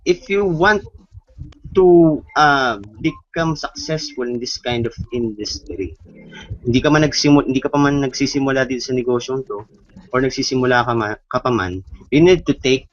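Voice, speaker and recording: A man's voice: mid-range voice, no echo, highs cut off. A man, a business trainer, tells a parable in a webinar and keeps checking in with his listeners with "okay?". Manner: storytelling, frequent "okay?" check-ins.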